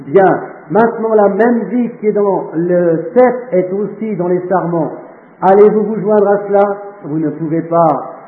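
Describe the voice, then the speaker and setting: A man preaching a sermon, fervent and slowing down to stress phrases, reading scripture aloud between remarks. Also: high-pitched. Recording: echoey, tinny phone-like audio.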